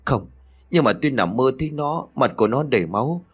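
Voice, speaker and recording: A man's voice: mid-range voice, lively intonation, a little fast, slightly rough, voice pushed up. A man voicing a frantic, grieving middle-aged mother who pleads tearfully. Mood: distraught.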